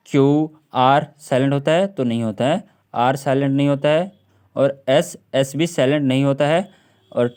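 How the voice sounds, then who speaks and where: Repetitive teacher, drawn-out words. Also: male voice, medium pitch, darkish tone. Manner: repeats words over and over, drawn out, with frequent throat clearing. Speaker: English teacher. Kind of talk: classroom lesson on silent letters.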